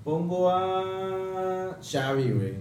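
A man's voice: high voice, animated, very slow, a little mellow. A young man with a northern Mexican accent talking casually in a group podcast. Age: young adult. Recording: echoey, distant, noisy room.

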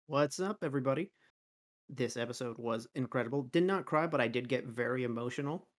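A man co-hosting a casual podcast, speaking in a measured, explanatory way. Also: mid-range voice. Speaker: podcast co-host. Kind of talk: casual chat.

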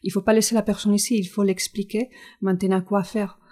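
Woman with a Spanish accent, mellow voice. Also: mid-range voice, flat delivery, a little fast. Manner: explanatory, many fillers and restarts. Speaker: physiotherapist. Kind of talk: interview answers.

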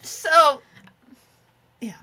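A woman's voice: very slow, sharp tone. A middle-aged woman co-hosting a podcast, telling meandering, self-deprecating stories in casual chat. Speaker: podcast co-host.

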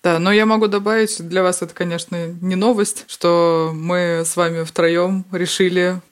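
A woman's voice: lowish voice, flat delivery, moderate pace. Chatty woman telling stories. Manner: chatty, anecdotal, laughs often. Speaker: podcast co-host, interpreter. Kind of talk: casual podcast conversation.

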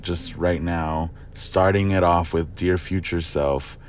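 A man's voice: sits low, fairly even intonation, slow pace, slight background noise. A man hosting a casual podcast chat, rambling with lots of fillers and restarts. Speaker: podcast host.

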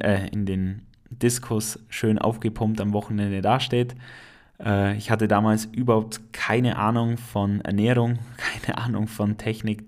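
This solo podcast host is a man in his late twenties from Germany's Allgäu, and his lowish voice carries a clear Allgäu accent. His delivery is easygoing and talkative, full of hesitations, with frequent laughs at his own expense.

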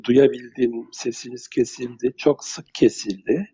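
A man's voice: medium pitch, fairly even intonation, warm tone, breathy edge. Man on a bad call connection. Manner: halting, repeats himself over the bad line. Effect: bad, breaking-up internet call connection. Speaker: lawyer. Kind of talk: remote interview call. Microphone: video or phone call. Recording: dull lo-fi online call audio.

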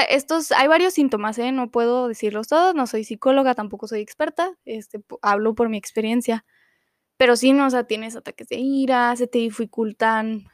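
Young woman host, fairly high voice, rambling personal story, close dry mic. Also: no echo. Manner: chatty, full of fillers and restarts. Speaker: podcast host.

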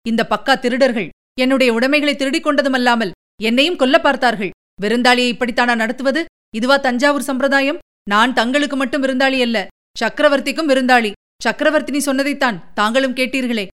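A woman reading the part of a bold young male warrior envoy, fast and indignant in an audiobook story. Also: high voice, steady tone, a bit bright, clean tone. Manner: quick, indignant, demanding.

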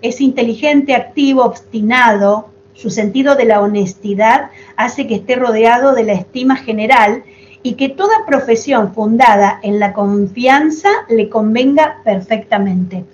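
A chatty woman hosts the conversation, spinning stories with fond little asides. Her voice sits fairly high. The recording is a bit dull, with a faint hiss underneath. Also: measured pace. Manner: chatty, affectionate, animated storytelling with asides. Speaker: podcast host. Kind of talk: casual chat.

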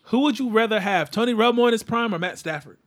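A man arguing football casually, slangy, pausing on "uh" fillers while searching for names. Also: high voice. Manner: argumentative, hesitant fillers, slangy.

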